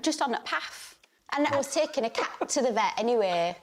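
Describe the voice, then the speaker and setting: A woman comedian telling an odd anecdote on a panel show in a deadpan, hesitant way. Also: on the high side, fairly quick. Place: TV studio. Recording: noisy studio.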